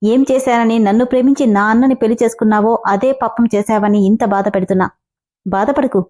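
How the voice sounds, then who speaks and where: A woman's voice: on the high side, steady tone, fast talker, dark tone, lightly acted. A woman voicing a young man who is curt, irritable and scornful, snapping his replies dismissively. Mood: mocking.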